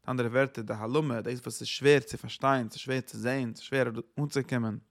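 A man's voice: medium pitch, steady tone, fast talker, vocal fry. A man giving a Torah sermon as a rabbi, preaching earnestly in a singsong cadence that swells when he quotes verses.

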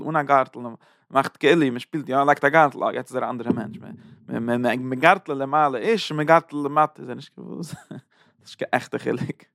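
A man's voice: medium pitch, creaky, fairly bright tone, no echo, clean studio sound. A man giving a Torah sermon, chanting verses in a sing-song and repeating phrases for emphasis. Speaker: preacher giving a Torah talk.

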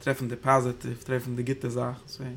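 Gravelly-voiced man teaching Torah in Yiddish. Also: mid-range voice, monotone, fairly quick, fairly bright tone, a little hiss or hum. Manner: rambling, thinking aloud, Hebrew terms woven in. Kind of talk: Yiddish Torah class on the Zohar.

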